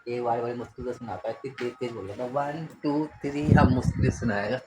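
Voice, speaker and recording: A man's voice: mid-range voice, fast. A man from the Garhwal hills with a Garhwali accent, chatting casually as a family vlogger and father at home, rambling and coaxing his child. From Garhwal hills, India. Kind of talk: casual home vlog chat. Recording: home recording with clear background noise.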